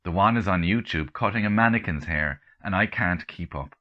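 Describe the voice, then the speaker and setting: A man with an Irish accent giving a comic first-person reading, telling the story dryly with deadpan asides. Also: low voice, moderate pace, muffled recording. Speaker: comedian and author reading.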